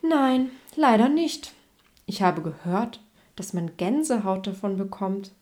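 A woman's voice: medium pitch, animated, takes it slowly, darkish tone. A woman voicing a cheerful, wistful male elephant in a storybook reading.

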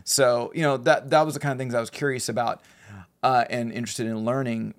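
A man's voice: medium pitch, little pitch movement, fairly quick, clear, resonant tone. A man in his forties co-hosting a podcast, chatting casually and rambling with self-deprecating humor. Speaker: podcast co-host. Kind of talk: casual chat.

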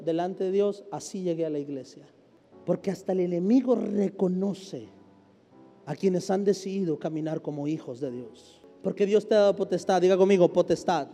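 Man, pastor, very high voice, mellow tone, emphatic preaching, reverberant hall, soft music behind. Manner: emphatic preaching with shifts between loud and hushed. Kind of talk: sermon.

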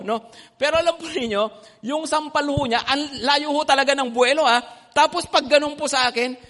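A middle-aged man preaches with animated storytelling, tossing in constant little checks to his listeners. His voice sits notably high for a man. The sound carries a long hall reverb. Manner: animated storytelling, frequent "no?" and "di ba?" asides. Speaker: pastor. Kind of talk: sermon.

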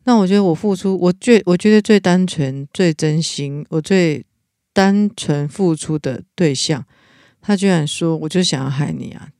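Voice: medium pitch, measured pace, warm tone, no echo, clean studio sound. 一位带台湾口音的老师，在闲聊中恳切地讲自己的经历，常常停顿重说。. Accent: Taiwanese Mandarin. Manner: earnest, with frequent restarts. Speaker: teacher, podcast co-host. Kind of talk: casual chat, personal story.

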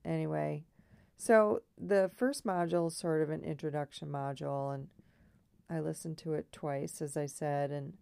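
A woman with a scratchy, hoarse frog voice, talking casually and reflectively in a rambling personal monologue. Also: sits low, fairly even intonation, moderate pace, mellow, dry recording, studio quality. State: throat trouble, hoarse.

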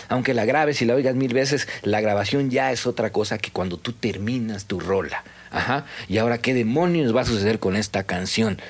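Man, Mexican accent, medium pitch, slangy emphatic talk, casual podcast guest. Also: slightly rough. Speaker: guest singer-songwriter.

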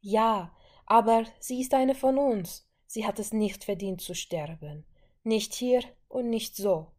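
A woman's voice: fairly high pitch, expressive, moderate pace, a little mellow, pitched above the performer's own voice. A woman voicing an earnest young woman who pleads urgently in an audiobook story. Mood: pleading.

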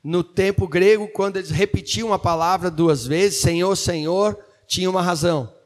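Male church interpreter with a slightly high voice, translating a sermon line by line and fixing his words as he goes. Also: normal speed. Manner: translating phrase by phrase, with small fillers and self-corrections.

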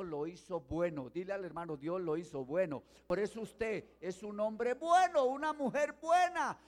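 An older man, preaching as pastor in a church, slowing down and rising to loud exhortation. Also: high-pitched. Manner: slows for emphasis and rises to loud exhortation. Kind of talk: sermon.

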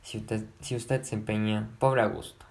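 A man reading aloud, voicing a shy, blushing young maid who protests softly. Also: lowish voice, level tone, normal speed, creaky. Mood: tearful. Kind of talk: audiobook narration.

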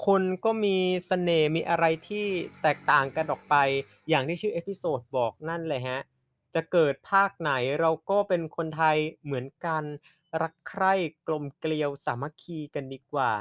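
A man with a Central Thai accent hosting a casual podcast chat, polite and quick to laugh. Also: fairly high pitch, fairly bright tone, no room sound, clean studio sound. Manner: polite, laughs often, drawn-out wrap-up. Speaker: podcast host.

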